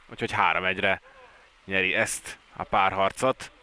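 A man doing live water polo commentary as a sports commentator, with an excited delivery that rises at key plays. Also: low voice.

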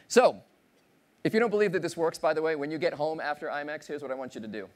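A man in his thirties giving a motivational keynote on a large conference stage, playful and animated, teasing and quizzing the audience. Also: fairly high pitch, fast talker. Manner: animated, playful, audience-engaging, acts out voices. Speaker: keynote speaker.

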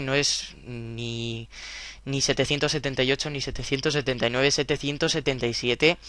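Bright, crisp young man from Spain. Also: medium pitch, dry recording. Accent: Spain Spanish. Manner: earnest and rambling, with fillers. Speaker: youtuber host. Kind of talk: casual thank-you address to subscribers.

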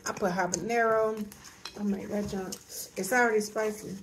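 A woman's voice: mid-range voice, steady tone, moderate pace, very noisy. Woman chatting while biting crab leg. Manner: talks with mouth full, chewing between words. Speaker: mukbang host. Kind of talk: casual chat while eating.

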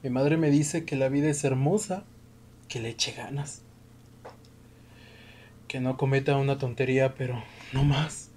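Casting: male actor as exhausted, hopeless young man, dramatic monologue, flat mid-pitched delivery, halting and breathy. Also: close to an everyday voice. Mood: sombre, resigned. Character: despairing, exhausted young man weary of life. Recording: clear background noise.

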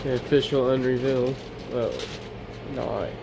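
A man's voice: medium pitch, fairly even intonation, measured pace. A young man, chatting casually and upbeat to his phone camera at arm's length outdoors, rambling with lots of fillers. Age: 20s. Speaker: vlogger. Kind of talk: casual vlog chat. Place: outdoors beside a house, and a kitchen. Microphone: handheld phone camera at arm's length. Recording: noisy outdoor phone recording.

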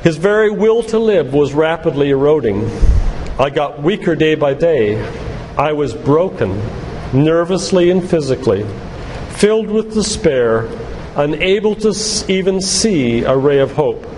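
An older physician and lay preacher gives a sermon-like church talk to a live congregation, telling stories and reading quotations out deliberately and earnestly. His voice is a little high for a man, expressive and darkish in tone. It rings with long reverb in the church hall, with noise behind it.

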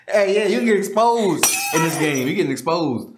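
Teasing man with lively pitch. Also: fairly quick, reverberant. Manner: laughing, teasing, playful. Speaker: co-host of a couple's channel. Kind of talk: casual chat while eating.

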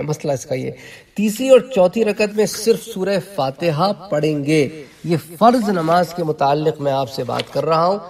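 A man's voice: on the high side, recorded from a distance. A man who teaches religion, giving a lecture on prayer and explaining traditions step by step with asides to his listeners.

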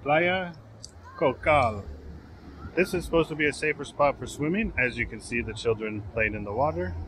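A man's voice: medium pitch, expressive, normal speed, noisy background. A man in his forties chatting casually as a travel vlogger, filming outdoors at a beach and in a car. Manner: chatty, joking tour-guide talk.

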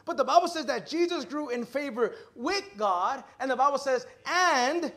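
Preacher, male, very high register, energetic bilingual sermon delivery, calls listeners "hermano". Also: normal speed. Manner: switches between English and Spanish line by line, calling out "hermano"; energetic, rising loud on key words, then dropping to low asides. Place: church service.

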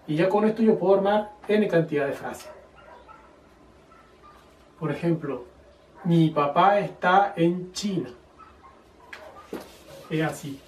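A man gives a relaxed video lesson, working through each step slowly and spelling out example phrases with care. His voice sits a little high and carries some distance from the mic, in a roomy space that echoes with faint noise behind him. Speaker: Chinese teacher. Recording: echoey room, voice a bit far from the mic.

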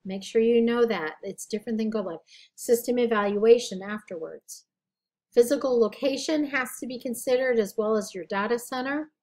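A woman with a slightly high, scratchy voice delivers a recorded lecture. She talks in a casual, conversational way, correcting herself as she goes and asking questions she answers herself. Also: darkish tone. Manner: conversational, self-correcting, asks rhetorical questions. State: scratchy, tired voice. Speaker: college instructor.

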